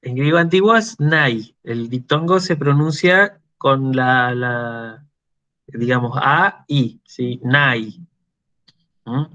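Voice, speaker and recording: Slow-spoken Argentine man lecturing. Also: medium pitch, pushed and bright, highs cut off. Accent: Argentine Spanish. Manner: slow explanatory delivery with frequent "¿sí?" checks. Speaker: university lecturer. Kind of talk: recorded online lecture.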